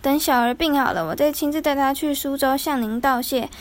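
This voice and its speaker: A woman's voice: high-pitched, fairly quick, lightly acted. A woman voicing a grateful, doting elderly noble mother in a storybook reading.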